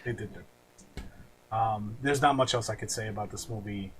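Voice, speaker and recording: With a crowd audible behind him on a low-quality recording, a podcast host chats a little fast in a lowish voice. His casual, opinionated talk about ranking films includes the occasional swear word.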